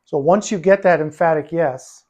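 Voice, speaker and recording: A man's voice: a little high, normal speed, darkish tone, dull audio. A man coaching a student at the pool table, patient and repeating his phrases as he explains. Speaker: billiards coach. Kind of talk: one-on-one coaching session.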